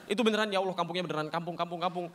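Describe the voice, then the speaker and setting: A young man doing a stand-up comedy set, telling stories in an animated, slangy way and acting out characters. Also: sits high, rapid-fire. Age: young adult.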